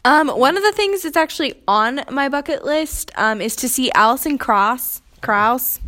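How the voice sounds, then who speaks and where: A woman's voice: sits high, expressive, moderate pace, sharp tone. A young woman from Missouri, co-hosting a podcast in a friendly, easygoing way with lots of fillers. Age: young adult. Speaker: podcast co-host. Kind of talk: casual chat.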